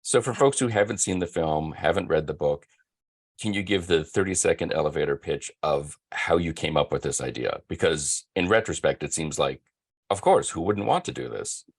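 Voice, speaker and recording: A man's voice: extremely low pitch, lively intonation, normal speed, breathy edge. A man co-hosting a podcast interview, easygoing and self-deprecating as he asks questions. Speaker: podcast co-host. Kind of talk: conversational interview.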